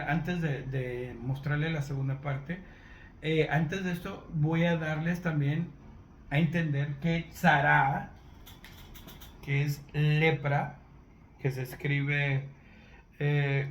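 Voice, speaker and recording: A man gives a Bible lesson in a fairly high voice, taking his time and stopping to check in with his listeners. He spells words out letter by letter as he teaches. The room echoes around him, with a faint hiss underneath. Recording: roomy echo, faint background noise.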